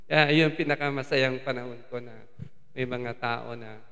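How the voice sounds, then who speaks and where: A man's voice: medium pitch, fairly even intonation, moderate pace, creaky, bright, forceful tone. A man with a Filipino accent preaching a sermon as a lay preacher, slipping English phrases into his Tagalog. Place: church hall. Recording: long hall reverb.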